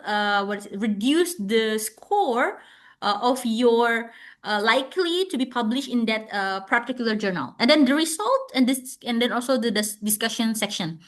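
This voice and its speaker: Indonesian woman lecturer, high voice, non-native English, patient step-by-step explaining with restarts. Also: lively intonation, moderate pace. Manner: explanatory, repeats words and restarts. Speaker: webinar speaker. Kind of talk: online lecture.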